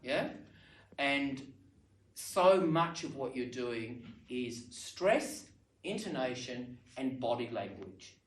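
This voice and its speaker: An Australian woman training language teachers, talking in an animated, demonstrative way with strong stress on words. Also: a bass voice, takes it slowly. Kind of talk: training session talk. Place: library meeting room. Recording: roomy sound from some distance.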